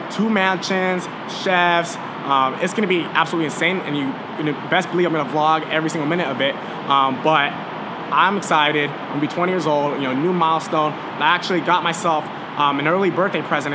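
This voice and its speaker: Fast-talking hyped teenage man. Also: a little high, noisy background. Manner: hyped, profane, salesy. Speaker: podcast host. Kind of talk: casual monologue.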